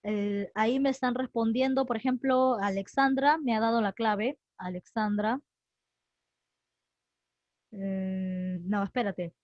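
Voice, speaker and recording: Woman teacher, higher voice, dry dull lo-fi sound. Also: takes it slowly, no echo. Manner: animated, quizzes students by name and repeats conjugations aloud. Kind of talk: online class lecture. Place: home online class.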